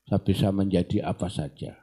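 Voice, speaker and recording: A man voicing a devil disguised as a young man, speaking low, calm and persuasive. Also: a little fast, breathy edge.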